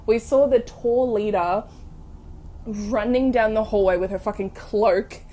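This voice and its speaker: A young woman hosting a casual storytelling podcast, telling ghost stories in an animated, sweary way full of fillers. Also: on the high side, a little slow, a little hiss or hum. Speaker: podcast host.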